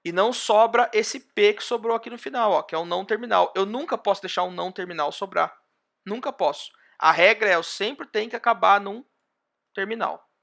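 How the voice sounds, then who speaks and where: A Brazilian man lecturing over a video call, with a high, bright voice and a gravelly edge. He walks through the example one step at a time and keeps pointing things out as he goes. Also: a little fast. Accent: Brazilian Portuguese. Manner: explains step by step, often pointing with "ó". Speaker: university lecturer. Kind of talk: online class lecture.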